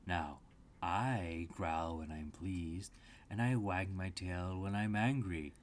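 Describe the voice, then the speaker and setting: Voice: low-pitched, steady tone, slow pace, a little hiss or hum. A narrator voicing a good-natured mad talking cat in a storybook, teasing and matter-of-fact. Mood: playful logic. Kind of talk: storybook character reading.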